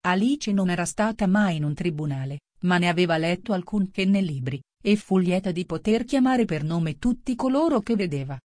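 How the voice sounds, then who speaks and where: A woman narrating a children's classic as an audiobook, reading in a measured, even way. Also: fairly low pitch, no room sound, studio quality. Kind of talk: scripted storybook narration.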